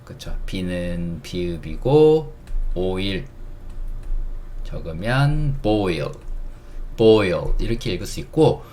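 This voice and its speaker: A man teaching English phonics, sounding out letters slowly and explaining words with everyday examples. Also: sits low, big pitch swings, warm tone. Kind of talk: phonics lesson.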